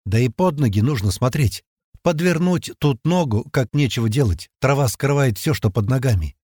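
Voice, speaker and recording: A man's voice: mid-range voice, animated, normal speed, darkish tone, slightly rough, no echo, clean studio sound. A man narrating a first-person audiobook in a casual, slangy manner.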